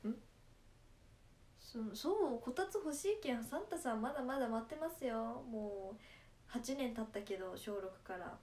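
A woman's voice: fairly high pitch, expressive, normal speed, darkish tone. A young woman from Nagasaki speaking in Nagasaki dialect, chatting playfully with viewers on a casual livestream and laughing often. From Japan, Nagasaki. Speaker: idol livestreamer.

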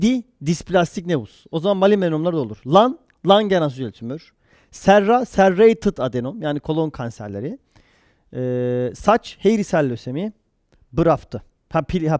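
Male lecturer for exam prep: high-pitched, recorded dry and close, quizzes students and answers his own questions. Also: no echo. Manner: lively, jokey asides with mnemonics. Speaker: pathology lecturer.

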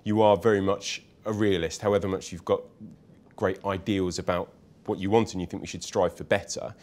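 Deep-voiced man interviewing. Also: fairly even intonation, a little mellow. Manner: measured, agreeable questioning. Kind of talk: seated conversational interview. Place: small bright studio set.

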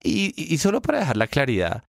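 A man co-hosting a casual podcast, explaining ideas with emphatic rises in pitch. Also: quick pace, creaky, dry recording, studio quality. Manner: explanatory, animated pitch jumps when stressing points. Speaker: podcast co-host.

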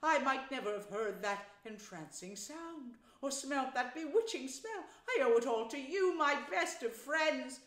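A woman plays a rapturous, vain toad gentleman from a storybook. He swoops high and stretches his words out slowly, lost in dreamy exclamation, in an echoey room. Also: lively intonation. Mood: dreamy, enchanted. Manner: swooning, drawn-out exclamations.

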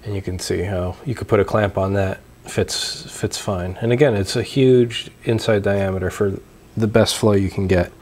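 A young man hosting a homebrewing video, casually explaining and demonstrating parts in a relaxed way with fillers and restarts, recorded on a lapel mic in a small room at home. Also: on the low side, moderate pace, slight background noise. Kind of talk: casual show-and-tell demonstration.

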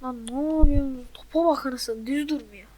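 A woman giving gameplay commentary into a desk microphone, exasperated and loudly mocking her teammates. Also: high voice, moderate pace, a little hiss or hum, low-quality recording. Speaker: gamer.

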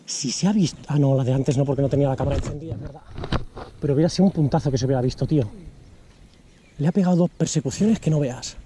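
A man vlogging a fishing trip in casual, excitable, slang-filled chatter, recorded outdoors by a river on an action camera. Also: mid-range voice, fast talker, slight background noise.

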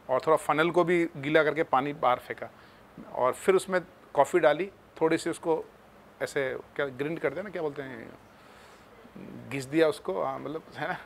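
A man's voice: on the high side, a little hiss or hum. A man teaching chemistry in a casual, chatty way, talking to his students like friends. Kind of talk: casual classroom talk.

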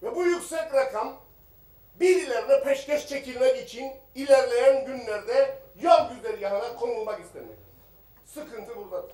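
A man speaks from a rostrum microphone in an assembly hall, his voice pitched high for a man. He argues combatively and repeats rhetorical questions at the minister. The sound rings around a roomy chamber, with him set back from the mic. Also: a little mellow, distant mic. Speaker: member of parliament. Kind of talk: parliamentary floor speech. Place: parliament chamber. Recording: echoey chamber, voice a bit off the mic.

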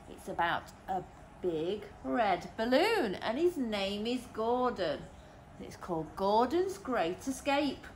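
A woman's voice: fairly high pitch, a little hiss or hum. A nursery teacher, a woman, reading a picture book aloud to young children, gasping and asking them questions. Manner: animated, with gasps and questions to the children.

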